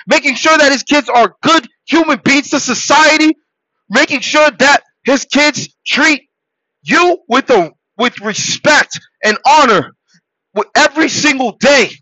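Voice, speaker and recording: A Haitian-born man hosts a podcast, giving a preachy motivational monologue that lurches from loud, shouted exhortations to low, quiet murmurs. The recording is muffled and has no echo.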